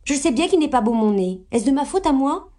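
A woman's voice: sits high, expressive, fairly quick, warm tone, pitched above the performer's own voice. A woman reader voicing a prissy, haughty little youngest sister with whiny, dignified airs. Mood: indignant.

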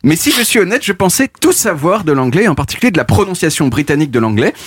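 A lively, slightly high-voiced man gives a mock-boastful radio chronicle, his pitch swinging freely. The studio sound is dry and close, with no room around him. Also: fast, husky, no room sound. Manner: animated, mock-boastful, demonstrative. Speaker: radio columnist. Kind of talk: playful explanatory chronicle.

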